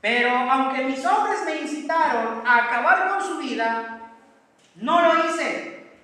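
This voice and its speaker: A preacher voicing young David pleading. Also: male voice, extremely high pitch, animated, slow pace, pushed and bright, full character voice. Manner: impassioned, pleading preacher's retelling. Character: young male warrior pleading with his king. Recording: echoey hall from far off.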